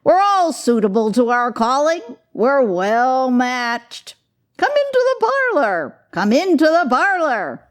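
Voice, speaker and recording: A woman's voice: high voice, sing-song, slow, pitched above the performer's own voice, full character voice. A woman voicing a jovial, sly gray-haired shopkeeper of nearly seventy in a storybook, colloquial and exclaiming. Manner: colloquial, exclaiming, repeating himself.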